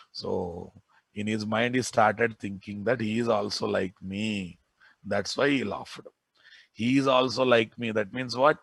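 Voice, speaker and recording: Man, Telugu Indian accent, class instructor, creaky voice, dry close sound, informal, repetitive phrasing. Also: mid-range voice, fairly bright tone, no room sound. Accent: Telugu Indian English. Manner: informal, repeats phrases, checks in with listeners. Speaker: software programming instructor. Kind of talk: live classroom lecture with storytelling and dictation.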